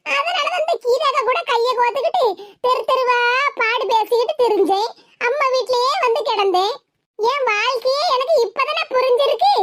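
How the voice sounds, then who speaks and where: A woman's voice: extremely high pitch, a bit bright, a little hiss or hum. A woman voicing a proud young married woman in a cartoon, lecturing self-righteously in a Tirunelveli Tamil accent. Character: young wife, proud and newly respectable.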